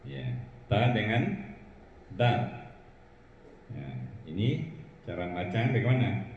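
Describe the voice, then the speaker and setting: A man teaching Quran recitation rules, explaining slowly and breaking into drawn-out chanted examples. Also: lowish voice, big pitch swings, a little mellow, slight background noise. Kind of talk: tajwid lesson with chanted examples. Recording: roomy hall echo.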